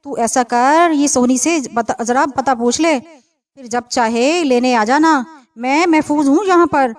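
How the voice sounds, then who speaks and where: A woman reading an elderly village mother in a storybook, speaking in a comforting, soothing way. The voice sits a little high and gently raised. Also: normal speed, lightly acted. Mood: reassuring.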